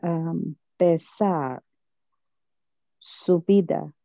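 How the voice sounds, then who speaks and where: A woman's voice: low voice, very slow, creaky, warm tone, dry recording. A woman student on a video call, reading words aloud hesitantly and repeating them after corrections. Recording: dull, lo-fi online call audio.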